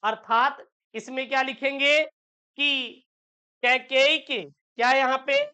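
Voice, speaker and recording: A woman's voice: high voice, steady tone, slow pace, pushed and bright, clean tone. A woman teaching an exam-prep lesson, explaining a poem line by line and asking and answering her own questions.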